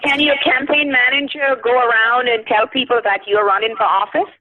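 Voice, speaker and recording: A woman's voice: a little high, fairly even intonation, normal speed, phone-quality sound. A woman on a video call through her phone asks questions, her voice echoing from a second device. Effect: echo from a second device, her voice heard twice. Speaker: meeting participant asking questions. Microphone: phone on a video call, no headset. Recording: distant echoey phone audio with clear background noise.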